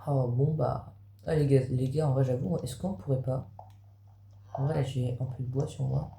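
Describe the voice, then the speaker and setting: A man's voice: medium pitch, steady tone, normal speed, vocal fry, dark tone. A man giving casual gameplay commentary, chatting straight to his viewers as a gaming video creator. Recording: roomy echo, faint background noise.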